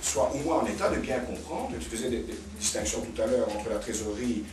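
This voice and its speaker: A brisk, medium-pitched man speaks off the cuff as the invited expert in a political round-table debate, teaching his points and repeating words to drive them home. The background is noisy, with music playing, in an echoey, spacious indoor cafeteria recorded from a distance.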